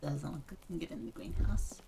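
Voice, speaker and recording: A woman's voice: low-pitched, fairly even intonation, a little fast, gravelly, background noise. Playful giggly young woman streamer. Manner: playful, giggly, reads game text aloud. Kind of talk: game playthrough with commentary.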